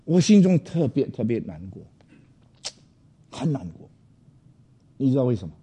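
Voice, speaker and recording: An older man, a pastor, telling a personal story to an audience in a loud, animated way, dropping in English phrases. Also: mid-range voice, moderate pace, slightly rough.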